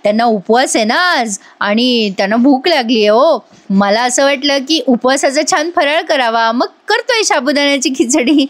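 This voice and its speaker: A woman voicing an eager, clumsy young husband from a TV serial, in her own high voice. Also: lively intonation, normal speed, dry recording. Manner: bantering, eager. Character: cheerful, clumsy young husband trying to please.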